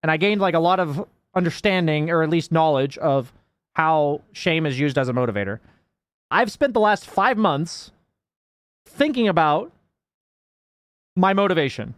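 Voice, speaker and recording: A man's voice: a little high, expressive, normal speed, long pauses, dry recording. A young man, a game coach, chatting casually to his stream viewers, explaining ideas in a rambling, reflective way full of fillers.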